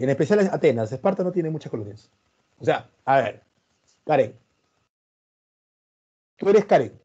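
A man's voice: on the high side, warm tone, slightly rough, dull audio. A man teaching history in a live online class, greeting students by name and explaining with homely examples in a voice that sounds stern. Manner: sounds stern, which he says is just his natural voice. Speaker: pre-university history teacher.

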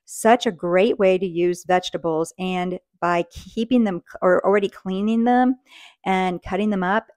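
A cooking channel host with a medium-pitched, darkish voice chats practically while preparing food in her home kitchen. Her casual how-to is friendly, and she talks as she works.

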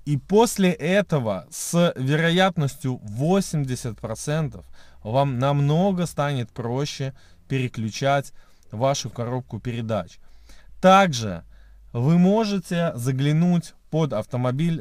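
A man in his thirties with a slightly high voice and a soft, non-rolled r. He explains practical steps as a car vlogger, with pauses to find words. The sound is dry, recorded in a car cabin. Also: no echo. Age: 30s. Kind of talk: explanatory how-to vlog talk. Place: inside a parked car at night. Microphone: camera at arm's length.

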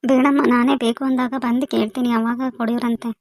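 A woman's voice: a little high, little pitch movement, fast, darkish tone, no room sound, close to an everyday voice. A woman playing a married daughter visiting her parents in a family skit, speaking politely. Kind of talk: amateur village family skit.

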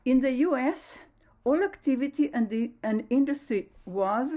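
A woman's voice: sits high, lively intonation, mellow. Slovenian woman giving a formal lecture. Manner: measured, formal, slightly non-native phrasing. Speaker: lecturer, astrophysicist. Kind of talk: prepared online science lecture.

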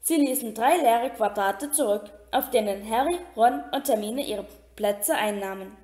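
Woman, audiobook reader, steady storytelling, small slips, slightly high, roomy echo. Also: measured pace. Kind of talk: amateur audiobook reading.

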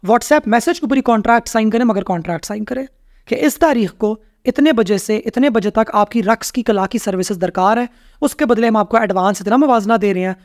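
A woman's voice: mid-range voice, no echo. A woman talks as a podcast guest in a mid-range voice. She argues with force, stacks rhetorical questions and repeats her key phrases for weight. The sound is dry and close, with no room around it. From Pakistan. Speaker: podcast guest, rights activist. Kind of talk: conversational interview.

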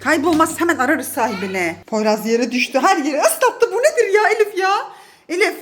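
A woman's voice: very high voice, animated, a little fast, a crowd in the background. Flustered mother laughing through chaos. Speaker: mother filming her kids. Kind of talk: casual family vlog. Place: apartment home indoors.

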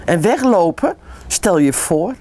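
A woman from the Netherlands reading a bedtime story aloud in a slow, expressive way. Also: fairly low pitch, slight background noise.

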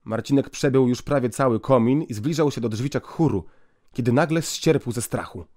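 A man narrating an audiobook in a steady, clear storytelling voice. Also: medium pitch, normal speed, no room sound, studio quality.

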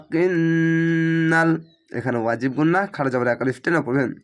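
A man teaching Quran recitation, breaking words into syllables and repeating them slowly, with a Bangladeshi Bengali accent. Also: mid-range voice. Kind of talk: spelling-out Quran recitation lesson.

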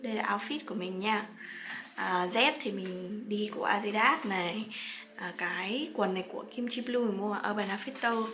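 A woman's voice: medium pitch, normal speed, pushed and bright, slight background noise. Chatty young woman vlogging. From Vietnam. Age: young adult. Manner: chatty, many fillers, laughs often. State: sleepy. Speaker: vlogger, master's student. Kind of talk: casual vlog chat.

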